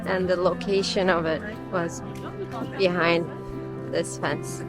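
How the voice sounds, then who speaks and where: A woman's voice: fairly low pitch, flat delivery, slow pace, over loud music. Chatty young woman vlogging a tour outdoors. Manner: chatty, explanatory, with frequent um fillers. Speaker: travel vlogger. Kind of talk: casual travel vlog narration. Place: outdoors on a guided tour, cold weather.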